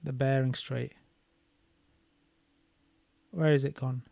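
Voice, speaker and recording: A man casually reading a book aloud and commenting on it, thinking out loud as he looks things up. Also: medium pitch, flat delivery, slow pace, creaky, no echo. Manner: thinking aloud while searching maps and videos, loose and chatty.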